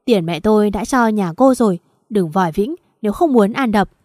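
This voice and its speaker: A bullying young husband , put on by a woman reading the story, drunk and quick to snap. He barks his words gruffly in an audiobook tale. The sound is close and dry. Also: mid-range voice, animated, mellow, no echo, lightly acted. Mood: snapping. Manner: gruff, snapping.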